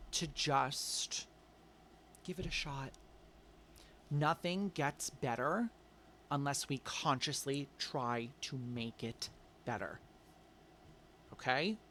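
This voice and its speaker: A man doing a casual tarot reading, coaxing and chatty, calling listeners babe, swinging between loud and soft. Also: mid-range voice, slight background noise. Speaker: tarot reader.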